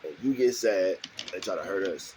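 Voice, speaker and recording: A man with a low, dark voice delivers a loose, defensive monologue from his garage. He repeats himself often, keeps checking that the listener is following, and holds a mellow tone over faint ambient noise. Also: lively intonation, moderate pace, poor audio. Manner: defensive, repetitive, keeps asking "you know what I'm saying". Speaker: vlogger. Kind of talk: rambling monologue to camera.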